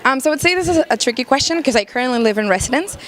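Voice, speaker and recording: A woman's voice: sits high, animated, racing, fairly bright tone. A woman of twenty-two answering interview questions chattily, with frequent fillers. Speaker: student interviewee.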